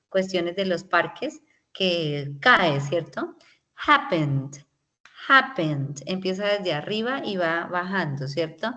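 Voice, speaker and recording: A woman with a lowish, slightly bright voice teaches English grammar in an online class. She explains patiently, checks in with her students often, and uses lots of tag questions.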